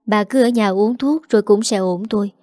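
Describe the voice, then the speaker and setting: A woman narrating an audio story in a calm, even reading voice. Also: medium pitch, a little fast, dry recording, clean studio sound.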